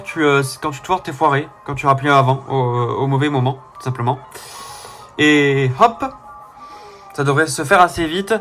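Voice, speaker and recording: A man's voice: a little high, pushed and bright. A young man with a faint southern French accent, casually commenting on a game he plays, rambling with fillers and self-corrections. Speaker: let's player.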